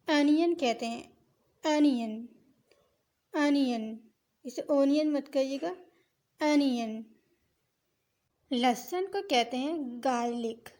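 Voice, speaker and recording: A woman teaching vocabulary, saying each word slowly and carefully and repeating it several times. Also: sits high, a little mellow. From Pakistan. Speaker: language teacher. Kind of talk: vocabulary lesson with repeated words.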